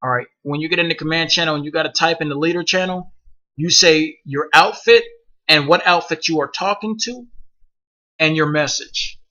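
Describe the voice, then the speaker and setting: A man with a bright, forceful voice lays down the rules to new recruits, blunt and commanding, and he swears freely. His voice sits a little high and comes through dull, lo-fi voice-chat audio. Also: moderate pace. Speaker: outfit leader training new members. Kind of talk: casual voice-chat instruction.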